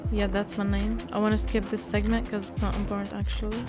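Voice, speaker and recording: Hosting a visual novel walkthrough channel with music playing, a woman offers playful, sassy commentary full of joking asides and passages read aloud. Her voice is mid-range, her delivery flat and brisk.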